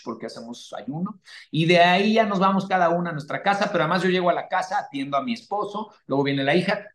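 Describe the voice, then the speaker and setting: Hombre mexicano, consejos crudos y enérgicos. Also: male voice, high-pitched, echoey room. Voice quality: crude, swearing, forceful and animated. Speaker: host giving advice to a caller. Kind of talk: blunt motivational call-in advice.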